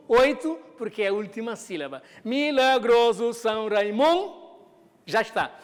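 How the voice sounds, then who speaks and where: A woman teaching a televised lesson, explaining step by step and putting questions to the viewer before answering them herself. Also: mid-range voice. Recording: long reverb of a hall.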